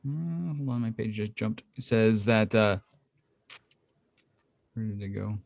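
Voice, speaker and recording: Co-hosting a casual podcast, this man explains things at length, rambling and leaning heavily on fillers as he speaks into a home studio condenser mic. His voice is expressive, measured, creaky and a little mellow, believed by him to be high-pitched, and the recording is dry and clean like a studio.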